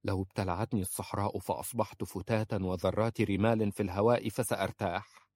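A man's voice: on the low side, fairly even intonation, quick pace, a little mellow, no echo. A man voicing a bitter, heartbroken young woman who mutters her words. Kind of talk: audiobook character voice.

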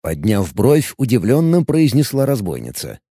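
A male narrator reading fantasy fiction aloud with expressive storytelling. His voice moves lively up and down and has a mellow, warm colour. The recording is close and dry. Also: mid-range voice, normal speed, breathy edge, no room sound. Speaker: audiobook narrator.

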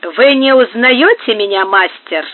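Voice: mid-range voice, expressive, unhurried. The reader voicing a huge male visitor who speaks insistently and secretively, in an audiobook. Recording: narrow phone-like sound.

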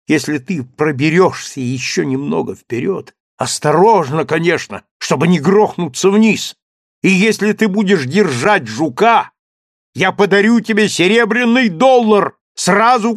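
A man voicing an excitable, obsessed gentleman who shouts urgent orders up a tree. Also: high voice, a little slow, no echo, studio quality, heavily acted. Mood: feverish. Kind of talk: audiobook character voice.

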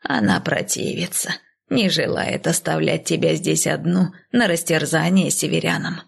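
A weary, tender old nanny speaks slowly in a hushed, sighing half-whisper, as a woman reading an audiobook puts her on. The voice sits low and husky, with a gravelly crackle on softer words. This is a storybook character in a fantasy audiobook. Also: heavily acted. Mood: worried.

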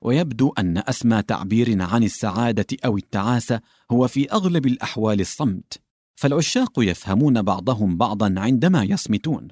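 A man's voice: lowish voice, expressive, fast talker, darkish tone, no room sound, studio quality. Man reading a literary story. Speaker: narrator.

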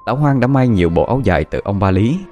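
Lively male ghost-story narrator. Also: lowish voice, fast talker, soft background music.

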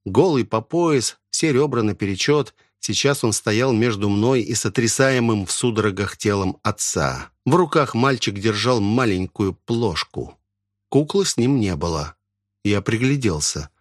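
A man narrating a literary story in the first person, with expressive storytelling. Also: fairly low pitch, a little slow, no room sound, studio quality. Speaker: audiobook narrator.

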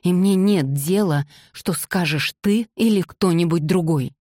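Indignant young woman, low voice, dry close sound, read by a woman narrator. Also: a little slow, mellow, no room sound. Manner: indignant, insistent. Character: proud young woman, secret gossip writer. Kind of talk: audiobook character reading.

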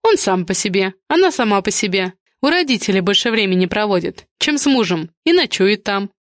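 A woman voicing a blunt, sharp-tongued middle-aged gossip with a curt, knowing manner. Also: mid-range voice, expressive, brisk, no echo, studio quality, lightly acted.

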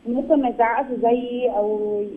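A woman with an Egyptian accent calling in as a mother, explaining her problem in a rushed, worried way. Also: a little high, steady tone. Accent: Egyptian Arabic. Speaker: caller, mother. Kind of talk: phone-in question. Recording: tinny phone line.

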